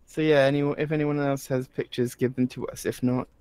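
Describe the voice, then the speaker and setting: A man's voice: medium pitch, a little mellow, smooth. A British man co-hosting a casual online art critique stream, easygoing and chatty.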